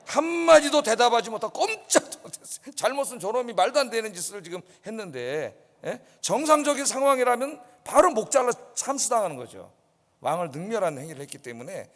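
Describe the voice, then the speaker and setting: A man's voice: high-pitched, very animated, a little fast, a bit bright. A male pastor preaching in a church and often asking "yes?" to keep the congregation with him. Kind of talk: sermon. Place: church sanctuary. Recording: long reverb in a church hall.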